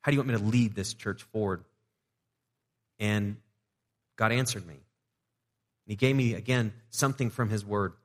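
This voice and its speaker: Preaching a lighthearted sermon in a church sanctuary, this man uses a lowish voice at a moderate pace, pausing often. He keeps things conversational and jokey with playful asides, and the recording carries the long echo of the church hall.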